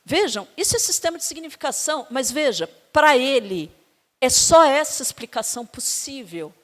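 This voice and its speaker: A middle-aged woman with a Brazilian Portuguese accent, giving a university lecture on education and telling personal anecdotes. She tells her stories in an animated way and acts out the quoted dialogue. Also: high-pitched, moderate pace. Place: lecture hall. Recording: long hall reverb.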